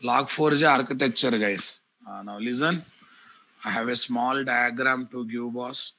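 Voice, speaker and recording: Man, Telugu-accented Indian English, very bright forceful voice, medium pitch, programming teacher, repetitive instructional delivery. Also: steady tone, a little slow, poor audio. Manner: repeats phrases, addresses class directly. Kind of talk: live online software lesson.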